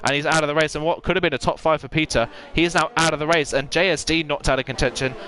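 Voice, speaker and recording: Guy commentating an online sim race, talks really fast, fluent detailed play by play. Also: a little high, steady tone, sharp tone. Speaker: esports racing commentator. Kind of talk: live sim racing commentary.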